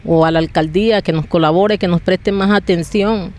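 A woman speaks into a handheld mic outdoors. She pleads in a halting way, stopping and restarting. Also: lowish voice, fairly even intonation, darkish tone. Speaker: displaced woman interviewed. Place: outdoors on open field. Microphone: handheld reporter mic.

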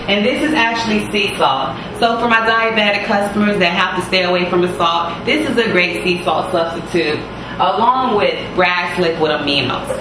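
A woman with a medium-pitched voice hosts a cooking demonstration in a kitchen, chatting in a folksy way as she walks viewers through each step and repeating "gonna go ahead." She's recorded on a distant mic in an echoey room, with loud music and background noise.

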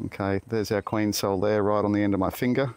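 With a lowish, steady, slightly mellow voice, a middle-aged Australian beekeeper talks fairly quickly and there's no room sound. Filmed on a tripod camera in an outdoor garden, he works hands-on and mutters self-deprecating asides casually.

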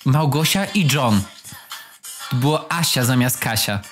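A man's voice: medium pitch, expressive, a little slow, a bit bright, faint music behind. Young guy joking around on a podcast, average voice, cuts in a lot. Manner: teasing, interrupts, laughs often. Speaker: podcast co-host. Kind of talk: casual chat.

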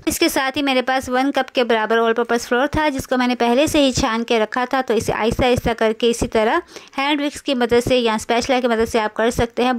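A woman's voice: a little high, clean tone. A woman narrating a home cooking video, patiently explaining each step and repeating instructions. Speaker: cooking vlogger. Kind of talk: recipe voice-over narration.

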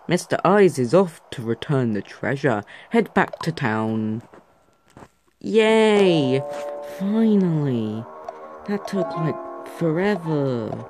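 A woman's voice: low-pitched, very animated, slow. A woman casually commenting on a video game as she plays and reading its text aloud. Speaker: game player. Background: game music.

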